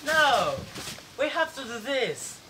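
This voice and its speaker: A man's voice: high voice, unhurried, noisy background. A man playing a defiant runaway teenage boy who is rowing, bossy, insistent and mocking. He performs on an outdoor garden stage. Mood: urging.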